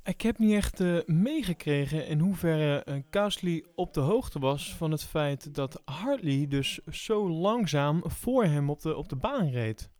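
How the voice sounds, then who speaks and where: Higher-voiced man hosting a podcast. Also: lively intonation, darkish tone. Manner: halting, many fillers. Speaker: podcast host. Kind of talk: casual chat about motor racing.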